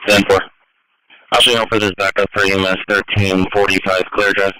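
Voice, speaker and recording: A man's voice: low voice, little pitch movement, brisk, sharp tone, smooth, poor audio. A man working as a police dispatcher, giving clipped, procedural radio traffic over a two-way radio. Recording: police scanner radio with background voices.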